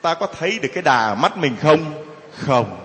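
A man preaching a sermon to a congregation, lively and conversational, acting out gossiping people in mocking voices. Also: on the high side, fairly quick, big-room sound. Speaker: priest.

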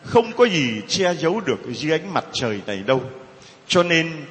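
A man preaching a sermon to a congregation, lively and conversational, acting out gossiping people in mocking voices. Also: a little high, normal speed, in a large hall. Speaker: priest.

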